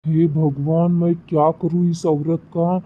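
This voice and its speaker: An exasperated young husband who scolds his wife in a flat, even tone, as a man voices him. The recording is slightly dull and lo-fi. It sounds like a cartoon storybook. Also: on the high side, unhurried.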